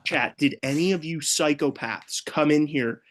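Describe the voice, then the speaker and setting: A man's voice: on the high side, a little slow. A young man co-hosting a late-night sports podcast, ranting in an exasperated, sweary, casual way. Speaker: podcast co-host.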